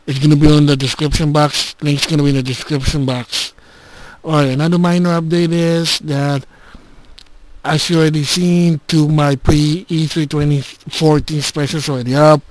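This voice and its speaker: A man giving a casual gaming channel update, recorded on a handheld game console's voice recorder like a dictaphone, halting and restarting often. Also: fairly high pitch, little pitch movement, dry recording, poor audio. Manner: halting, with frequent restarts and filler words. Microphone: handheld game console's built-in recorder.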